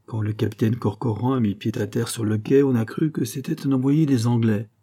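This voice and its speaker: A nervous male servant speaks with anxious urgency and pleading, as a man reading the book puts him on. His voice is mellow and husky. It is a role from a read-aloud adventure story. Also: medium pitch, fairly even intonation, brisk, close to an everyday voice. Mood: urgent.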